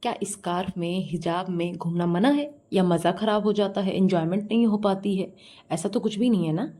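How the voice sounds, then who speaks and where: Scornful woman with a mellow voice. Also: medium pitch, moderate pace. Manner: scornful, scolding; asks the viewers directly. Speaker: reaction vlogger. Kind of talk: mocking reaction commentary.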